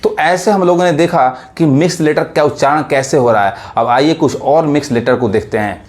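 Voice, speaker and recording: A man teaching a pronunciation lesson to viewers, drawing words out slowly and asking if they follow. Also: on the high side. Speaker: English teacher. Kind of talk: classroom lesson.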